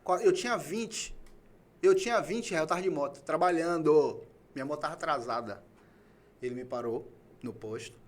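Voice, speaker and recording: This podcast host is a man from Salvador with a Brazilian Bahian accent and a slightly high voice at a moderate pace. He leads a casual conversation in an emphatic, colloquial style and acts out the dialogue he quotes.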